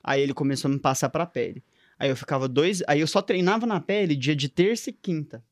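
A young man with a Minas Gerais accent chats on a podcast as a guest tattoo artist, spinning stories in loose slang. He talks quickly in a slightly raised voice, recorded dry and close. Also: on the high side, dry recording. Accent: Minas Gerais Portuguese. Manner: slangy storytelling. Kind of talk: casual podcast chat.

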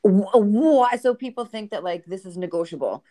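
A woman with a Boston accent speaks at medium pitch and a normal speed. She's a guest author on a podcast, sharing dating stories with animated flair and acting out the quoted lines of the people involved.

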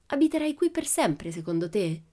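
A woman's voice: medium pitch, very animated, normal speed, dark tone. A woman reading an audiobook and voicing a polite, curious young boy asking earnest questions. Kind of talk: audiobook character voice.

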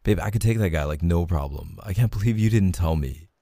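A young man in a whispered role-play, talking softly and intimately as a reassuring boyfriend. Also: fairly quick, dry recording, clean studio sound. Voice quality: gravelly, husky low voice. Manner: soft, intimate, reassuring talk to the listener.

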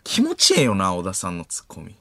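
A young man with a Kansai accent, hosting late-night radio with quick teasing banter and mock outrage. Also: sits low, wildly swooping pitch, background noise. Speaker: radio host. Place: radio studio.

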